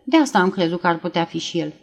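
A woman reading aloud and voicing a heavyset male police officer who questions in a level, flat, unhurried way. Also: on the low side, creaky. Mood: calm.

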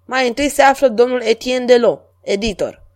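Brief: a woman doing a stern official of a royal court, formal and measured. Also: on the high side, a little mellow, voice pushed up, lightly acted. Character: stern male police chief, formal and deferential.

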